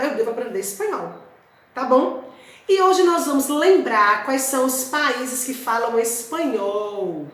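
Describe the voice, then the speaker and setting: High-voiced teacher in an echoey room. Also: female voice. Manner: slow, clear drilling of words. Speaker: Spanish teacher. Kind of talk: recorded class lesson for kids.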